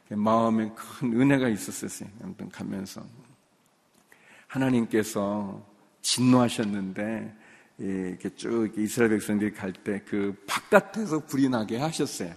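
A man preaching a sermon as pastor, telling a personal story and building to emphatic high points. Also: gravelly, darkish tone, long reverb tail. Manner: storytelling, rising to emphatic peaks.

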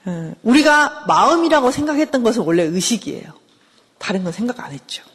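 Lively, husky woman professor lecturing. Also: on the high side, fairly quick, long reverb tail. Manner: conversational, asks the audience questions often. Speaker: professor lecturing on counseling theory. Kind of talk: classroom lecture.

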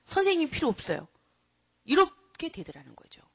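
A middle-aged woman giving a lively lecture to an audience. She quizzes her listeners and acts out children and parents as she goes. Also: sits high, brisk, creaky, dry recording. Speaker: character-education lecturer.

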